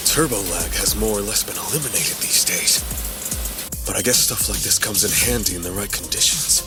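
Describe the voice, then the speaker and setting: A man's voice: lowish voice, a little fast, over loud music, lightly acted. An actor playing an intent, analytical young male street racer in an anime dub. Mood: focused. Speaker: racing driver. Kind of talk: anime dub inner monologue and radio talk.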